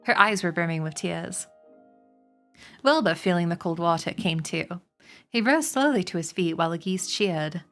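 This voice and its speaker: A woman reading a children's novel aloud on a stream, slowing and lifting her voice for the characters' lines. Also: lowish voice, a bit bright, soft background music. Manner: slows and lifts her voice for quoted characters.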